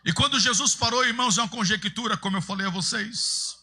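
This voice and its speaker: Fervent high-voiced preacher. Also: male voice, fast talker. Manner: fervent, builds to shouts, sing-song repetition. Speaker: evangelist preacher. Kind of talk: impassioned sermon. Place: large church sanctuary.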